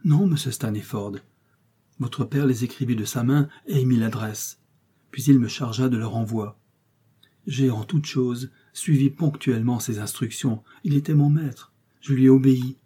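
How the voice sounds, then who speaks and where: A man's voice: mid-range voice, moderate pace, warm tone, breathy edge, natural voice. A man voicing a loyal old male servant who speaks earnestly and pleads, in an audiobook reading.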